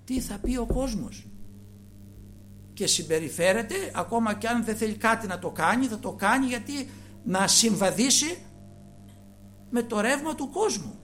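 A male preacher giving a sermon, dropping to hushed murmurs and then rising to loud, fervent exhortation. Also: high-pitched, lively intonation, slight background noise.

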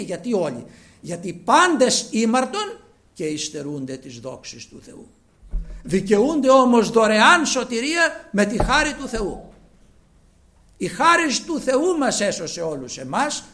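In a high-pitched voice, a man preaches fervently to those he calls brothers, dropping from loud, emphatic moments to near whispers.

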